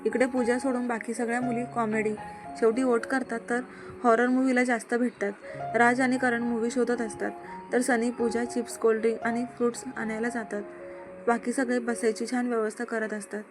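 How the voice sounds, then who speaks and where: A woman's voice: a little high, flat delivery, brisk. Woman reading a serial story over music. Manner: reads every character herself with little change in voice. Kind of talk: reading a romance serial story with character dialogue. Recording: music bed under voice.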